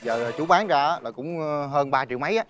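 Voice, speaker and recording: A coaxing Southern Vietnamese swindler. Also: male voice, on the high side, lively intonation, brisk, fairly bright tone. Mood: wheedling. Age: young adult. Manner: persuasive, coaxing, chuckling often. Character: smooth-talking young male swindler, wheedling. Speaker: actor. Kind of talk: TV drama acting.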